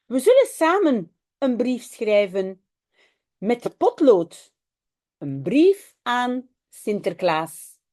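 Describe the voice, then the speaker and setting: A woman's voice: a little high, sing-song, very slow, warm tone, full character voice. A woman voicing a stern but loving father in a children's storybook, scolding with repeated emphatic words. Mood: gently explaining.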